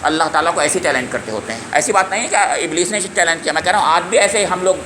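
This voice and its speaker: A man's voice: a little high, animated, roomy sound, background noise. A man giving a religious lecture on scripture, emphatic and often putting questions straight to his listeners. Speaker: Quran lecturer.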